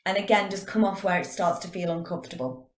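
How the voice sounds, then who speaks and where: A woman drama teacher guides a vocal warm-up, calmly counting out the breaths. Her voice sits a little low and carries an echo from the room around her. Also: quick pace. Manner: calm, counting out breathing exercises. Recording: echoey room.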